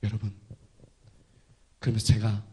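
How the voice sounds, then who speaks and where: A man preaching a sermon and telling his story with drama, dropping from loud to hushed. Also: fairly low pitch, completely flat delivery, measured pace. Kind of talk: sermon testimony.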